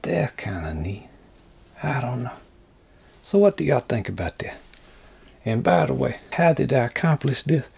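Folksy man with gravelly voice. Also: mid-range voice, very animated, unhurried, long pauses, a little mellow. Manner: rambling, folksy, jokey talk to viewers. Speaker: craft channel host. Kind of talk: casual workshop vlog. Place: indoor workshop.

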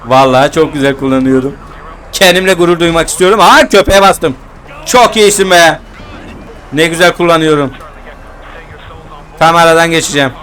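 A young man hosting a gaming channel, giving excitable, foul-mouthed let's-play commentary and talking straight to his viewers. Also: on the high side, a little fast. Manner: excitable, swears freely, talks to viewers.

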